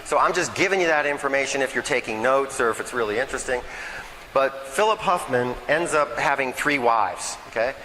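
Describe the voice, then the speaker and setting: A man's voice: mid-range voice, lively intonation, a little fast, sharp tone, big-room sound, a little hiss or hum, low-quality recording. A man giving a nervous, chatty local history talk to a small audience, often checking in with "okay?" and "right?". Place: meeting hall, in front of a crowd.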